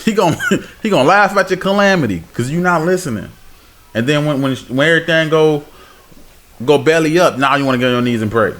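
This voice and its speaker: A man teaching the Bible, reading scripture slowly and then breaking into blunt, scolding, slangy exhortation. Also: fairly high pitch, lively intonation, a bit bright. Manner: slow measured reading, then fired-up exhortation. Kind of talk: scripture reading with preaching commentary.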